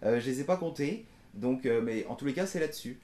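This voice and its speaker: A man giving a casual guitar lesson in a small room, talking in a relaxed way and counting beats aloud. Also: mid-range voice, brisk, reverberant. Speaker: guitar teacher. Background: electric guitar playing.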